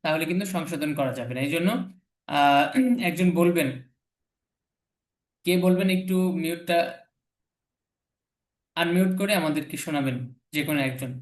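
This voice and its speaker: A man's voice: on the high side, normal speed, pauses often. A man teaching English letter pronunciation in an online class, patiently repeating each sound. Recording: echoey room.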